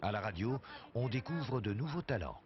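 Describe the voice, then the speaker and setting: A man's voice: mid-range voice, lively intonation, moderate pace, over a noisy crowd. A man narrating a documentary from a script. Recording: dull soundtrack with faint music.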